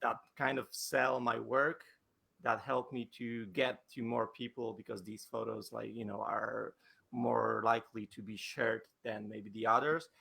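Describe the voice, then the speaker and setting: A man's voice: medium pitch, steady tone, a little slow, gravelly, bright, forceful tone, husky. A male wedding photographer answering interview questions over a video call, hesitant, with many fillers and restarts.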